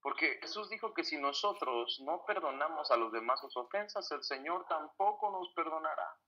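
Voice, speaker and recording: Husky preacher, dull lo-fi sound. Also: male voice, a little high, expressive, normal speed. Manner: earnest, asks rhetorical questions, addresses listeners as brethren. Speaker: preacher and biblical counselor. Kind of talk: sermon.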